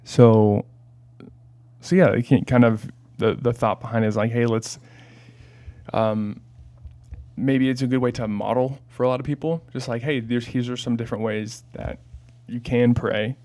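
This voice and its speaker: Male podcast host, mid-range voice, easygoing and halting delivery. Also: medium pitch, steady tone, dark tone. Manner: hesitant, many fillers and restarts. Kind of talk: casual chat.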